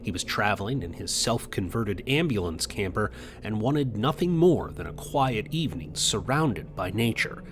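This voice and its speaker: A man reading scripted documentary narration in a measured, suspenseful tone. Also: fairly low pitch, big pitch swings, background noise.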